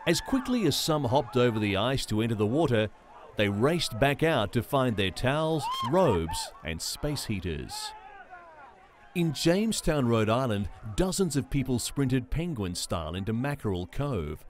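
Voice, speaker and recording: A man narrating a scripted news feature in a wry, lively storytelling manner. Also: mid-range voice, unhurried. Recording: voice-over over music and crowd sound. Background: music and crowd noise.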